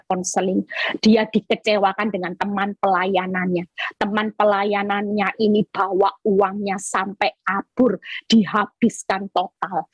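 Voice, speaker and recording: A woman evangelist giving an emphatic sermon over a video call, breaking into high-pitched acted prayers. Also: husky, dry recording, poor audio. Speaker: evangelist preacher.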